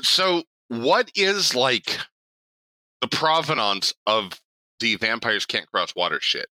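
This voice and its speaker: A young man co-hosting a podcast in casual chat, animated and laughing, with quick swearing asides. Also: medium pitch, no echo, low-quality recording. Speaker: podcast co-host.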